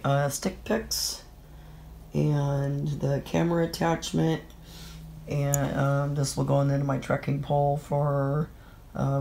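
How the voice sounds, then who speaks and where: Talking casually through a gear vlog indoors at home, a middle-aged woman sounds nasal and stuffy, sniffling from a heavy cold. Her voice is low and darkish, with a little hiss or hum in the background.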